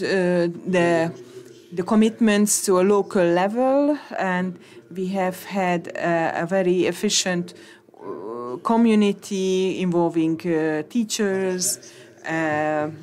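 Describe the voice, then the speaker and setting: A woman interpreting conference talks into English, halting, with many hesitations and restarts. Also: lowish voice, darkish tone.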